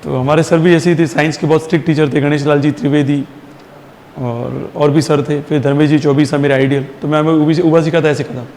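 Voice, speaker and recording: A man's voice: a little high, flat delivery, fairly quick, a little mellow, slight background noise. A male science teacher giving a classroom physics lesson, drilling students with repeated questions and answers, mixing in English terms. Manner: mixes Hindi with English terms. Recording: long reverb in a hall.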